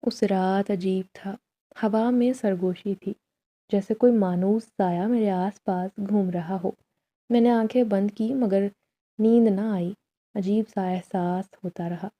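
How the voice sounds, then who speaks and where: A woman narrating a first-person horror story as a storyteller, in a slow, measured, solemn way. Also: mid-range voice, fairly even intonation, mellow.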